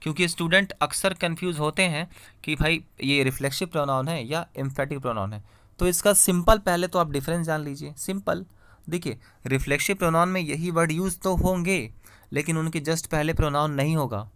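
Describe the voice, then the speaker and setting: A man's voice: a little high, brisk, fairly bright tone. A male grammar teacher giving a classroom-style lecture over slides, asking himself questions and answering them, repeating key terms and checking that students follow. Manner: checks understanding with frequent "clear?" prompts.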